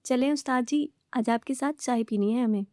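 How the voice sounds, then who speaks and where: A woman's voice: fairly high pitch, normal speed, a little mellow, dry recording, clean studio sound, close to an everyday voice. A woman voicing a bold young female student who is bossy and playfully teasing as she talks.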